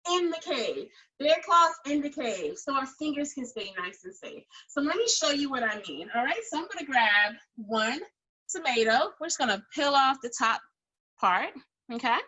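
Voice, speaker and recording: A woman's voice: high voice, animated, normal speed, pushed and bright, rough recording. A woman cooking teacher giving children a step-by-step demonstration in an instructive, encouraging way, repeating key phrases. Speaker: kids' cooking school teacher and host.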